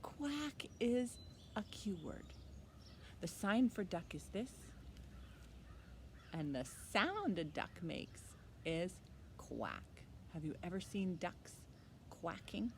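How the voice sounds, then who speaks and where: Pausing often and speaking slowly, a woman with a fairly low-pitched voice leads storytime for young children at a library. Her teaching is sing-song, built on simple questions and repeated key words. The audio is clear, with constant background noise.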